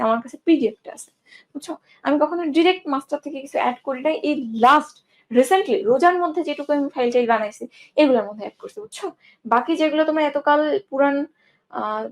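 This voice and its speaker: A young woman teaching an online English class, asking questions and answering them herself as she drills word forms. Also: high voice.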